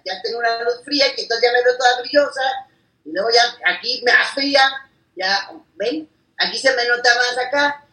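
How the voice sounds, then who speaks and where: Bright, high woman in an echoey room. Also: moderate pace, recorded from a distance. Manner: chatty, playful, shows things off. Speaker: gossip show co-host. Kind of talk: casual showbiz gossip chat. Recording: echoey room, set back from the mic.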